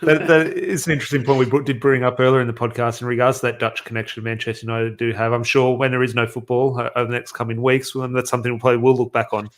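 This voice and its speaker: Guy on a football podcast, talks fast, keeps tripping over his words and starting over. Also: mid-range voice, level tone. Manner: rambling, stumbles and restarts often. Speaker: podcast co-host. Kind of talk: casual football podcast chat.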